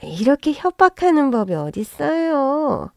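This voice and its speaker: A woman's voice: very animated, a little slow, creaky, a little mellow, no echo, clean studio sound, heavily acted. A woman voicing a brash, scheming middle-aged mother-in-law who turns from indignant to fawning. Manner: shrill and indignant, then fawning.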